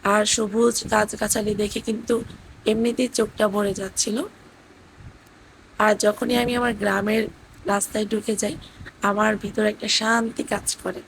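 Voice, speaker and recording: Hoarse woman in her thirties, gravelly, flat voice-over for a family vlog. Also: mid-range voice, a little slow, long pauses, a little hiss or hum, poor audio. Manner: gentle storytelling with fillers. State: hoarse, voice cracking. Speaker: vlogger narrating family trip. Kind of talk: voice-over narration. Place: indoors at her parents' house.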